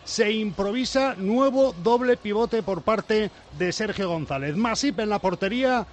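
A man's voice: high voice, measured pace, slight background noise. A man giving a friendly field report and lineup on live radio. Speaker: football reporter.

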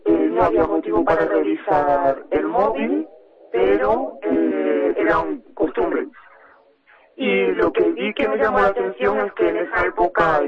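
Mujer con voz distorsionada y grave. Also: female voice, dull audio. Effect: voice distorted and pitched down to hide her identity. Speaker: mother interviewed as radio guest. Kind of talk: personal account in a radio interview.

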